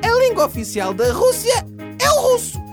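A performer voicing an excitable cartoon mascot who guides small children on trips, with a bright, squeaky, sing-song welcome and a European Portuguese accent. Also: normal speed, heavily acted. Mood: cheerful, welcoming. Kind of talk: children's radio travel segment. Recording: music behind the voice.

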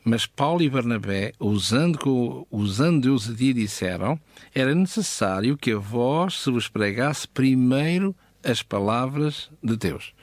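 Medium-pitched and expressive, a Bible teacher with a European Portuguese accent walks through scripture conversationally, halting as he goes, pausing and often asking check questions. The recording has no room sound.

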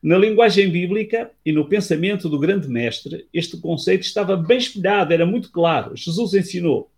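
A man with a European Portuguese accent, calmly telling a story and drawing a spiritual lesson in a teaching tone. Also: high voice, normal speed, vocal fry. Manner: calm, earnest, teaching tone. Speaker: guest speaker on spiritual life. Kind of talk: reflective storytelling talk.

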